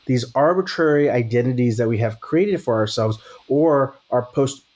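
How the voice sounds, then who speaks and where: Speaking at normal speed, a Texan man with a medium-pitched, slightly mellow voice talks casually. His manner is reflective, with many restarts and repeated "right?" check-ins.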